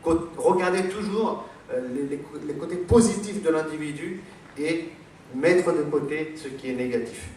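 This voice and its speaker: A man's voice: fairly high pitch, normal speed, darkish tone, slight background noise. A French-born man giving a religious lecture in a rambling, digressive way, with many fillers and repeated words. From France. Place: large echoey hall. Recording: echoey hall, voice from far off, faint background ambience.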